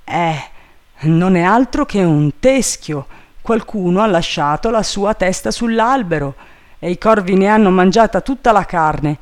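A man voicing an eager, simple-minded male servant calling down from a tree, in a high, drawling, plaintive voice. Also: animated, measured pace.

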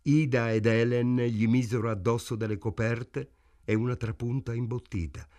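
A man reading a novel aloud in a measured, even way. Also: medium pitch. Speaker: narrator. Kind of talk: audiobook narration.

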